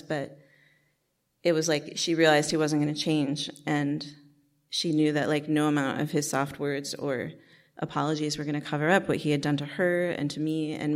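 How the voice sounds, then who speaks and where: A woman recounting a personal story in a reflective, hesitant way, with many pauses and restarts. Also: deep voice. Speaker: storyteller recounting her childhood.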